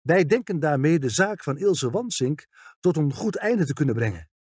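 Narrator as an older detective, measured and polite, husky audiobook voice. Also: male voice, on the high side, big pitch swings, a little mellow, dry recording, studio quality. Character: grey veteran police detective, patient and courteous.

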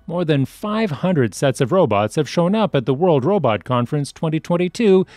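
Man narrating news, lively pitch. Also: no room sound, studio quality. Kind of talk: scripted news voice-over.

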